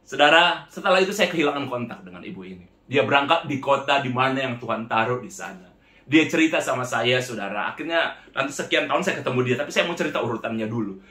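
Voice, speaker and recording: A male pastor delivers a storytelling sermon at a middle pitch, calling out to his listeners over and over and putting on the voices of the people in his story. His words ring around an echoey room. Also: lively intonation, fast talker, pushed and bright. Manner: addresses the congregation as "saudara" repeatedly, acts out quoted voices.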